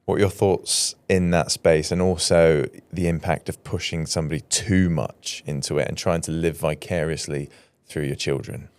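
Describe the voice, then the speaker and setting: A man hosting a podcast, asking curious, thoughtful questions and giving soft affirmations. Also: rumbling low, fairly even intonation, normal speed, few pauses, clear, resonant tone. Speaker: podcast host. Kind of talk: interview questions.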